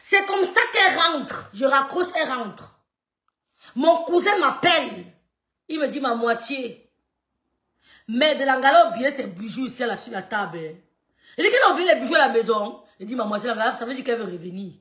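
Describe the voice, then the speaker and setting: Woman, storytelling, loud-soft swings, stammering, echoey room. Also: high-pitched, lively intonation, moderate pace. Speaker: storyteller recounting gossip. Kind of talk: animated casual storytelling.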